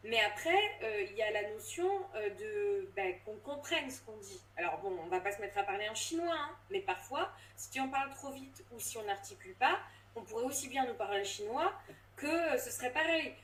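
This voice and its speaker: Woman in her thirties, voice coach, fairly high voice, hesitant and full of fillers. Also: lively intonation, moderate pace, a bit bright, a little hiss or hum. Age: 30s. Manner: hesitant, many fillers and restarts. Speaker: voice coach and drama teacher. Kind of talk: casual interview explanation. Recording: roomy sound, distant from mic.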